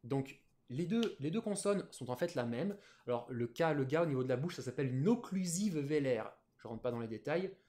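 A man's voice: medium pitch, lively intonation, a little fast, dark tone. A man teaching a Japanese lesson on a live stream, explaining patiently with many fillers.

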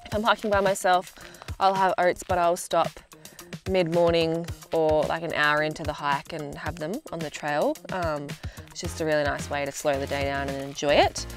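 A young Australian woman talking casually to the camera outdoors, relaxed and chatty with frequent ums. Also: deep voice, normal speed, soft background music. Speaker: hiker presenting gear video. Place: outdoors in open bushland.

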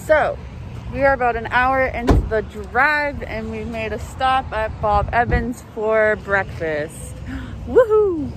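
A woman's voice: fairly high pitch, expressive, slow pace. A young woman chatting upbeat to her phone camera on a road trip, in a car and outdoors. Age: young adult. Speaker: vlogger. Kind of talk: casual travel vlog narration. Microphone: phone held at arm's length. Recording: noisy car and street background.

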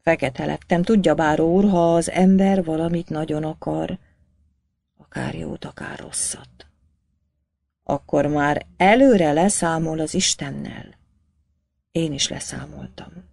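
Woman doing an anguished old priest, low gravelly voice, fervent pleading, dry close sound. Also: no echo. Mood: grim confession. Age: older. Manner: pleading, then shouting in anguish.

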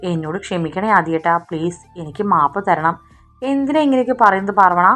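Woman doing an emotional young wife in a romance audiobook; soft and pleading, faint music underneath. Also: on the low side, fairly quick, natural voice.

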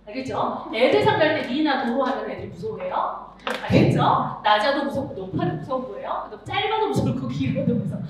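A middle-aged woman teaching music to teachers at a seminar, animated, acting out voices and singing examples. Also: high voice, fairly quick. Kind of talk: lively seminar lecture to teachers. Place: large lecture hall with audience. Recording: echoey hall, speaker far off, audience noise.

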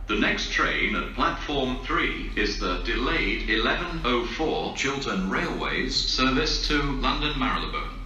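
A man's voice making automated station announcements over a platform loudspeaker in a flat, measured delivery. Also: medium pitch. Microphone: recorded from the platform. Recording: echoey platform, far off, music.

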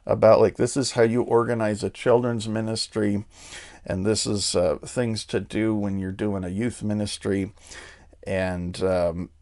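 A man's voice: medium pitch, darkish tone, dry recording, studio quality. Sardonic man in a rambling monologue. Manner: rambling, candid, sardonic, many fillers; laughs at himself. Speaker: podcast host. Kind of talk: casual monologue.

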